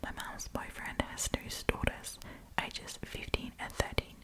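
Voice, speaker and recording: A woman does an ASMR storytime in a soft, breathy, unvoiced whisper, reading online stories aloud at a measured pace. She adds chatty, informal asides, speaking into a close, propped-up microphone.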